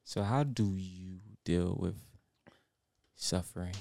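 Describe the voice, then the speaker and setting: A young man co-hosting a podcast speaks slowly in a low, darkish voice with vocal fry, telling a personal story in a reflective, rambling manner filled with fillers. The casual chat carries a little hiss or hum.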